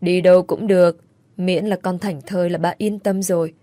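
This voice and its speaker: A woman voicing an older father who speaks in a calm, measured, sorrowful way. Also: fairly low pitch, dry recording, natural voice. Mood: reassuring.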